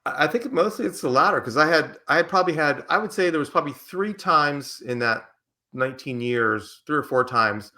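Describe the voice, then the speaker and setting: An older American man, a podcast guest, telling lively career anecdotes and acting out quotes. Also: fairly high pitch, brisk. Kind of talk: storytelling interview answer.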